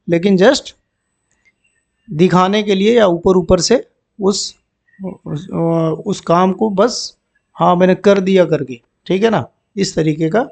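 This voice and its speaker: A man teaches English vocabulary for bank exams, explaining each word in Hindi, repeating terms, and frequently checking in with "ठीक है ना". His voice sits high, creaky, and a little mellow, and he reads example sentences slowly and deliberately.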